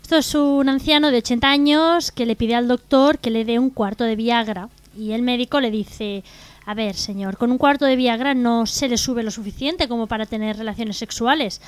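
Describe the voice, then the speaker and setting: A young woman co-hosting a community radio humor show, telling jokes in a brisk, matter-of-fact way. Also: fairly high pitch, clear, resonant tone, no echo.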